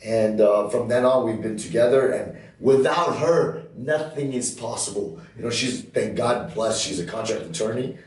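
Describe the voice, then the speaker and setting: A man's voice: mid-range voice, moderate pace, hardly any pauses, very echoey, recorded from a distance, low-quality recording. A man who runs a fight gym, talking earnestly and emphatically in a casual podcast conversation, often repeating himself. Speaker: MMA gym owner and coach.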